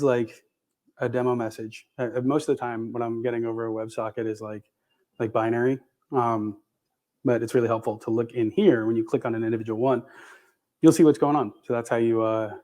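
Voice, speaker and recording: Man presenting on stage at a tech conference, loose and irreverent, swears freely, chatty with fillers, gum in his mouth, ordinary middle pitch. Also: darkish tone. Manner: casual, profane, lots of fillers and restarts. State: chewing gum while talking. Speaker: conference speaker. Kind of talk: live tech talk demo.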